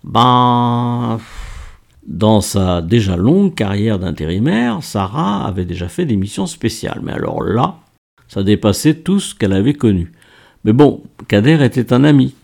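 A man reading a novel aloud as narrator, in an expressive, animated manner. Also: fairly low pitch, moderate pace, creaky. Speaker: audiobook narrator.

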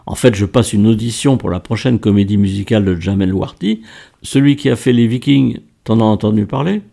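A man's voice: on the low side, expressive, brisk, gravelly, dark tone. A man voicing an anxious young factory worker who earnestly lays out a plan, within a read-aloud story. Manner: earnest, explaining plans in detail.

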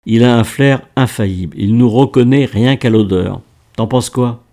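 A man's voice: medium pitch, moderate pace, mellow, lightly acted. A man voicing an anxious young factory worker who earnestly lays out a plan, within a read-aloud story. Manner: earnest, explaining plans in detail.

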